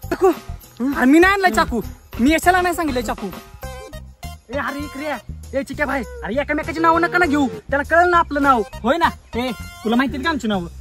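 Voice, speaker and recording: A bumbling young village thief, bossy and quick to scold his partner in crime, played by a woman. The voice sits high, and faint music plays under the comedy skit. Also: animated, a bit bright.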